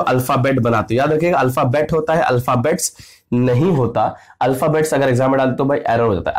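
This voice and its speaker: Lively male teacher quizzing his class. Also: fairly high pitch. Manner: lively, asks and answers his own questions; addresses students as "sarkar". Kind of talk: exam-prep grammar lesson.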